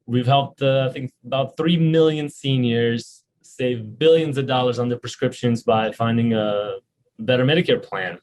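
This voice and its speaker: Earnest man, halting speech. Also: mid-range voice. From Romania. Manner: earnest, many restarts and filler words. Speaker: health insurance company founder and CEO. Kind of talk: podcast interview.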